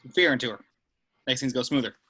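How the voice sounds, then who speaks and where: A man reading the part of a dry, no-nonsense seasoned government agent at an amateur table read, clipped and deadpan. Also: medium pitch, fast, husky. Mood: instructive.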